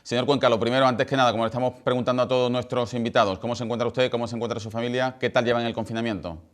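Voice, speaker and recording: A man's voice: mid-range voice, steady tone, very fast. A man with an Andalusian accent hosting a TV news interview, presenting in a formal way. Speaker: news show host.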